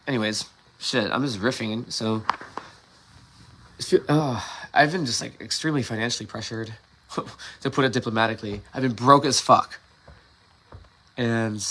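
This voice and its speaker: A man's voice: medium pitch, a bit bright. A man hosting a livestream from his yard before dawn, rambling candidly with frequent swearing and restarts, recorded on a phone. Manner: candid, profane, meandering with many restarts. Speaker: livestream host. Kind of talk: casual rambling monologue.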